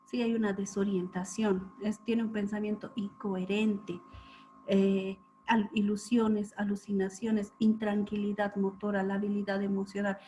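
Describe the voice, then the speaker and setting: A woman lecturing students on clinical topics, explaining step by step and often checking in with a quick question. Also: mid-range voice, flat delivery, mellow, soft background music. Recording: dull lo-fi recording with faint hum.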